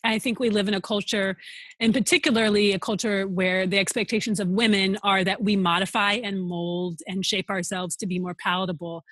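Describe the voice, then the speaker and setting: A woman talks as a podcast guest, earnest and reflective, her thoughts running on in long lists. Her voice is bright, and the recording is close and dry. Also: mid-range voice, dry recording. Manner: earnest, speaks in flowing lists. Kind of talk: reflective interview answers.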